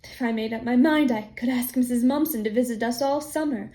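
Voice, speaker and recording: A woman voicing a gruff older male farmer who speaks in a brooding, halting, gloomy way. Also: on the high side, warm tone, natural voice.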